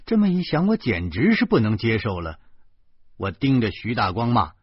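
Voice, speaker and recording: A male storyteller reads a novel aloud in a lively, colloquial way. His husky voice leaps widely in pitch. The recording is dry and slightly dull. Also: normal speed, no echo. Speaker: audiobook narrator. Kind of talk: storytelling narration.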